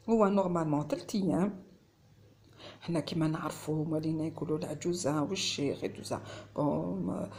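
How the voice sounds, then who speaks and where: Low gravelly algerian woman cooking. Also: a little mellow. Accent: Algerian Arabic mixed with French. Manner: switches between Arabic and French, chatty. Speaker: home cooking vlogger. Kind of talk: casual cooking vlog.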